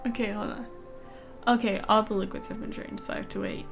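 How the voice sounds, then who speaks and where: A woman's voice: medium pitch, huge pitch swings, a little fast, gravelly. A woman chatting casually as she streams a video game, with a slight lisp from the dental aligners she is wearing. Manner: casual, rambling, reading game text aloud between remarks. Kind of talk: casual chat while playing a video game. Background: game music.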